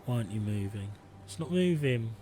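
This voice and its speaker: On a phone camera mic, a man in his forties streams a strategy game, offering casual commentary as he reads the on-screen text aloud. His voice is on the low side, animated and fairly quick, and his talk rambles with plenty of self-deprecation.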